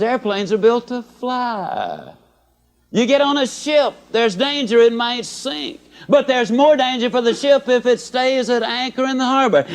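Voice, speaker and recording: An older man giving a motivational speech in a folksy, emphatic storytelling manner. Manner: folksy, emphatic storyteller with dramatic pitch swings. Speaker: motivational speaker.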